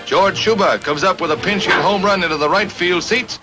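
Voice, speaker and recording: A high-voiced American man reads a 1950s sports newsreel script briskly, in a punchy, dramatic, folksy showman's style. It's a vintage newsreel soundtrack with loud music behind him.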